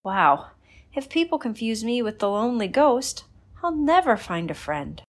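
A woman reading a storybook voicing a shy, lonely young girl who speaks softly and hesitantly. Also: a little high, sing-song, measured pace, pitched above the performer's own voice. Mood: wistful.

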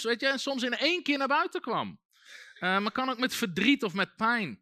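A man's voice: sits high, sharp tone, no echo, clean studio sound. A man preaching a sermon in a conversational way, full of asides and restarts.

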